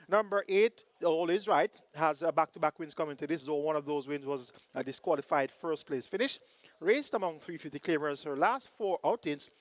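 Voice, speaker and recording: A man's voice: on the high side, dry recording. A Jamaican man giving race preview commentary as a horse racing analyst. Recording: dull, band-limited broadcast audio.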